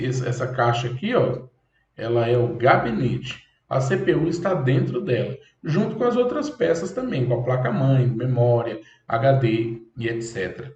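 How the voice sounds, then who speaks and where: In an echoey room with dull, lo-fi sound, a man with a mid-range, slightly mellow voice teaches a computer course. He walks through the material step by step like a classroom lecture, often checking in with "ok?"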